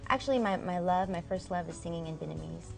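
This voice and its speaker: Her lowish voice is expressive and fast, with vocal fry, over soft background music. She's a young adult from Southern California, USA, chatting casually and warmly as a guest singer in an interview, frequently using "um" and "like."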